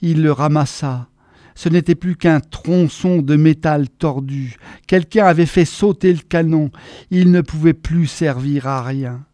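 A man reading a story aloud in a measured, expressive storytelling manner. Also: on the high side, dry recording, studio quality. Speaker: narrator.

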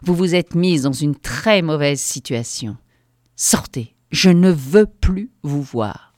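Woman doing a huge angry boss man, yells slow and mean, lowish dry voice. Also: no echo. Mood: furious. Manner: slow, bellowing, contemptuous. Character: furious obese male company vice-president.

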